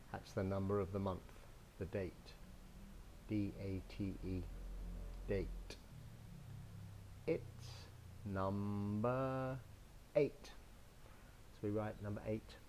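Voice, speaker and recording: A man from England teaching a slow English lesson to young children, spelling words letter by letter, recorded outdoors in a home garden. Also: fairly low pitch, darkish tone, a little hiss or hum.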